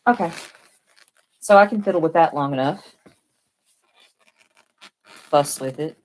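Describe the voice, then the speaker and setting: A woman's voice: deep voice, measured pace, a little mellow, poor audio. A woman with a Tennessee accent chatting casually and playfully as she streams balloon twisting, often poking fun at herself. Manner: self-deprecating, playful. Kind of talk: casual live craft chat.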